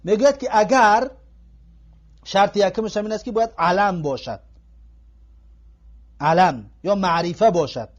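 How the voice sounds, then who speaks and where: High-voiced man teaching. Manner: patient, repeats examples slowly. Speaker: Arabic grammar teacher. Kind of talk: classroom lecture. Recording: dull lo-fi recording.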